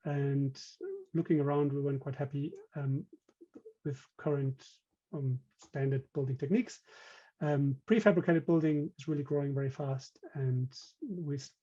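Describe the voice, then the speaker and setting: A company director with a German accent presents a technical webinar at normal speed in a mellow, somewhat high voice. He hesitates often, restarting sentences and using many fillers, and the recording has its highs cut off.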